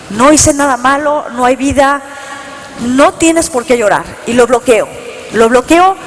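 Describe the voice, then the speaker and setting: Woman giving a testimony in a hall. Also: on the high side. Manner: earnest storytelling, reliving events, quoting herself and others. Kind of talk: personal testimony to an audience. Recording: long reverb in a hall, faint noise.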